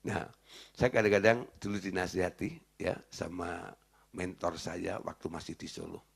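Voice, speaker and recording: Guy pastor, husky gravelly voice, chatty sermon w/ lots of questions to the crowd. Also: low-pitched, moderate pace. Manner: asks the congregation rhetorical questions; casual and joking, laughing at his own points. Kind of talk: conversational sermon.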